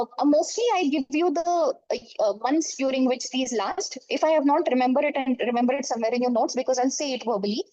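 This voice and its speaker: Fast, high-voiced North Indian woman teaching. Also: mellow, dry recording, rough recording. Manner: explanatory, often checking with okay and right. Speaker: geography teacher for exam coaching. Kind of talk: informal online lesson, switching between English and Hindi. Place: online class over screen share.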